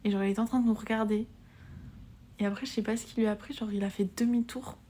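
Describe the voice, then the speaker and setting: A young woman from France chatting casually on a live stream. She often drops into soft whispers, giggles a lot and uses casual slang. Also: medium pitch, fairly even intonation, fast, a little hiss or hum. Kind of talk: live-stream chat with viewers.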